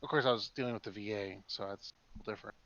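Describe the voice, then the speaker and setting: A man's voice: lowish voice, quick pace, fairly bright tone, dry recording, muffled recording. A man co-hosting a podcast in casual chat, rambling and making jokes. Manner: rambling, joking. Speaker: podcast co-host.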